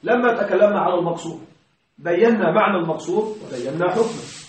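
A man's voice: high voice, animated, fast, slight background noise. A man teaching grammar to a class, explaining through worked examples and checking with rhetorical questions. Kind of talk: classroom lecture. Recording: very echoey room, voice far from the mic.

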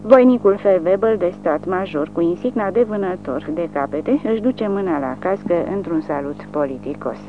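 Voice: medium pitch, expressive, few pauses. An audiobook narrator reading a war novel in a dramatic, widely varying delivery. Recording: narrow phone-like sound, faint music.

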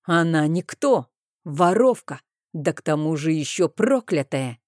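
A woman voices a scheming middle-aged dragon uncle in an audiobook, spitting venom and yelling at full force. The voice sits raised and loud, mellow underneath, on a dry close recording. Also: low voice, expressive, unhurried, no echo. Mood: furious. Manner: shouting, venomous.

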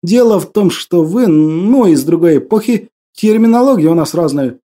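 A man voicing a gentle, earnest young man who patiently explains things. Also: high-pitched, animated, normal speed.

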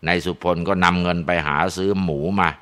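A man narrating a ghost story in a relaxed way, with frequent tag particles and filler sounds. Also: sits low, brisk, clean tone.

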